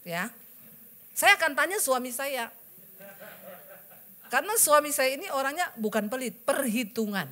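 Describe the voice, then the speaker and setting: A middle-aged woman pastor delivering a sermon in a high, bright voice. She tells stories with energy, acts out the people she quotes and keeps asking the congregation questions. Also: a little slow, long pauses, a little hiss or hum. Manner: lively storytelling, acting out quoted voices; asks the congregation rhetorical questions.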